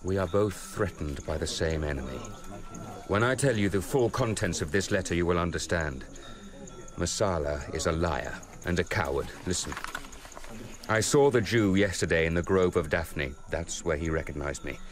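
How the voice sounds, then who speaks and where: Deep-voiced young Judah Ben-Hur. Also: male voice, expressive, a crowd in the background. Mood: earnest. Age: young adult. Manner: measured, earnest, formal delivery. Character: Judah Ben-Hur, resolute young wronged soldier set on revenge. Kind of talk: radio drama acting and first-person narration.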